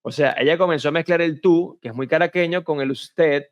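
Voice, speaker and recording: A Venezuelan-accented man speaking as an interview guest, his voice sitting somewhat high for a man. He tells anecdotes animatedly and slips into quoted voices. The tone is conversational and expressive. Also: a little fast. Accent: Venezuelan Spanish. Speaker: communication and public speaking coach, interview guest.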